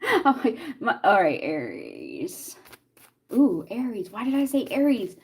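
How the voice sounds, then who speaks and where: A woman's voice: fairly high pitch, animated, normal speed. A young woman doing a casual tarot reading and chatting with viewers, laughing often and reacting to their comments. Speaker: tarot reader.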